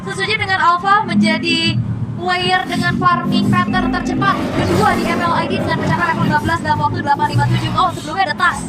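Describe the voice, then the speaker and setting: A woman's voice: very high-pitched, little pitch movement, fast talker, hardly any pauses. A woman working as an esports caster, commentating on a match. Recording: loud game music and crowd behind.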